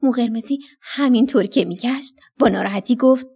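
A woman narrating a children's bedtime story on the radio, affectionate and animated as she addresses the kids. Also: on the high side, husky.

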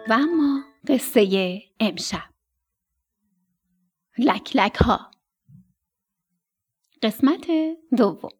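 A woman's voice: fairly high pitch, lively intonation, long pauses, husky, faint music behind. A woman telling a children's bedtime story on the radio in a tender voice that sometimes drops to a whisper.

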